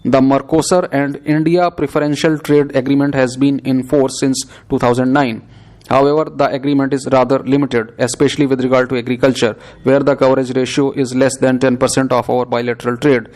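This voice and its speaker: A man dictating prepared text aloud for a shorthand exercise, reading in a measured, steady, scripted way. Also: mid-range voice.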